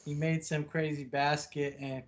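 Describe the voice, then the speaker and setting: A man with a slightly high, fairly flat voice talks a little slowly while co-hosting a podcast. Chatting casually in English, he banters loosely about basketball and swears freely.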